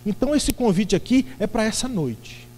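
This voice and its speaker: A middle-aged Brazilian man preaching a sermon, telling stories with acted-out voices and sudden shouts. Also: sits high, moderate pace. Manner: lively, theatrical storytelling with acted-out voices and shouts. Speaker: pastor. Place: church sanctuary. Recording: long church reverb.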